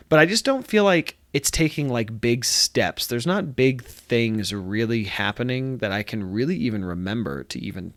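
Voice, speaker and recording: A young man talks casually about a game he has been playing. His nose is stuffy and congested, and he rambles through frequent fillers and restarts. He sits in a dry, close room with almost no echo. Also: mid-range voice. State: congested from allergies. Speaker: gaming video host. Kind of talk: casual talk to camera. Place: friend's apartment room.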